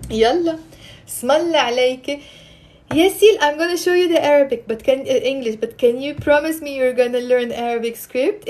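A woman in her thirties with a Lebanese accent teaches a language informally on a live stream, encouraging and animated, repeating words carefully for her viewers. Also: on the high side, a little hiss or hum. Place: small indoor room at home. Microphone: phone at arm's length.

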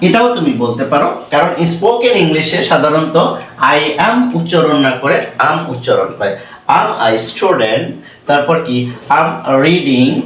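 A man's voice: a little high, a bit bright. Bengali-accented guy teaching english, spells words out, quizzes himself, sounds far off in an echoey room. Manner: spells words letter by letter, asks and answers his own questions. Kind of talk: spoken English lesson. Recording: roomy echo, distant mic.

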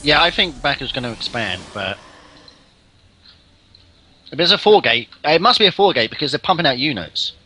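A man casting a live video game match, getting excited at big plays. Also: medium pitch, moderate pace, long pauses. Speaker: esports caster.

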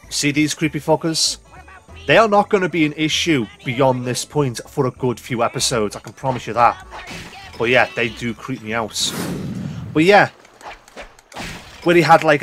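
A man's voice: medium pitch, fairly bright tone. Casual man commenting on a game. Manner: casual, chatty, swears freely. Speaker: gaming channel host. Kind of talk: let's play commentary.

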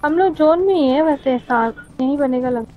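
A woman's voice: sits high, normal speed, loud music behind the voice. A woman giving tactical callouts to teammates in a game. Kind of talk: casual game chat. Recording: dull lo-fi mic.

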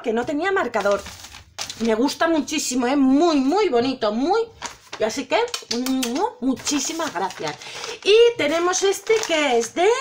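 Woman, high voice, middle-aged, emotional gushing unboxing chat, faint noise. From Spain. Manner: gushing, emotional, exclaims often. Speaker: vlogger opening viewer gifts. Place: home.

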